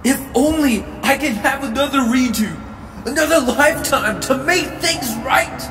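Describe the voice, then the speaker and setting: A man's voice: very high-pitched, moderate pace, reverberant, long reverb tail, distant mic. A man voicing a young cartoon cat hero who is earnest, emotional and full of self-doubt. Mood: anguished. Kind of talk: animated web series dialogue. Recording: music behind the voice.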